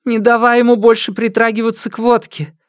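A man's voice: very high-pitched, flat delivery, fairly quick, clean tone, no echo, studio quality, pitched above the performer's own voice. A man voicing a worried woman who talks in a fussing, insistent way. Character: worried woman, mother of the house.

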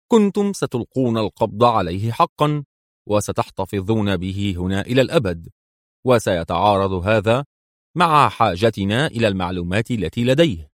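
A man voicing a cool, calm secret agent. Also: lowish voice, no echo, studio quality. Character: calm, confident male Egyptian secret agent.

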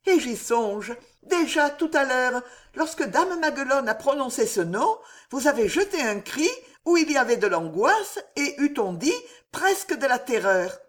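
Audiobook: woman reader doing an anxious young daughter, high and pleading, slow delivery. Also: sing-song. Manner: pleading, emotional. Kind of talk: audiobook character voice.

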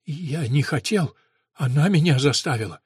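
A desperate, heavy-set drunk who begs, rants and turns menacing, his voice pushed loud and a little higher than plain talk, as a male narrator puts him on. The recording is dry and close, with no room sound. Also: animated, moderate pace, husky, dry recording. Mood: pleading. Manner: wailing, begging, half-mad. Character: heavy drunk older man, pleading and frantic. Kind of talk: audiobook character voice.

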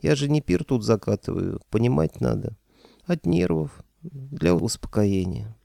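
A man voicing a gruff, bossy old grandfather who gives curt, folksy commands. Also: medium pitch, expressive, unhurried, dark tone, no room sound, clean studio sound. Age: older.

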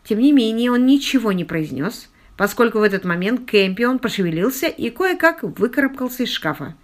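A woman narrating a detective novel in an even, measured storytelling voice. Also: fairly high pitch. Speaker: audiobook narrator. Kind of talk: scripted narration.

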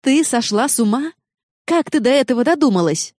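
A woman reading a worried young woman who scolds her friend, voice lifted high and sharp with alarm. The tone stays mellow and soft-edged, heard up close with no room sound at all. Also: animated, moderate pace, no echo, natural voice. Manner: scolding, agitated.

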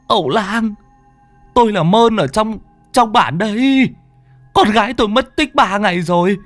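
Male narrator as frantic father begging a healer, high and strained, dry close sound. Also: no echo, exaggerated voice. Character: desperate village father begging for help.

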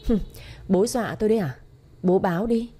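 A hot-tempered young husband yells and sneers, as a woman reads him. The voice is husky and dark, fairly low, and soft faint music plays behind it. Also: brisk, natural voice. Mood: angry. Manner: shouting, sneering.

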